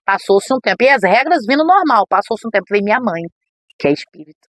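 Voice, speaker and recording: A woman's voice: fairly high pitch, fast, dry recording. Brazilian woman telling a dramatic testimony. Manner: animated storytelling, acts out quoted voices. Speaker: podcast guest, missionary preacher. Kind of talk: emotional personal testimony.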